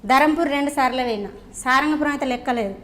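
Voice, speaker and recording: High-voiced Telangana woman telling her ordeal. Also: fast, a bit bright. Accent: Telangana Telugu. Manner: earnest pleading recounting, repeatedly addressing the interviewer as sir. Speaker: crime victim's wife interviewed. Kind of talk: emotional first-person account.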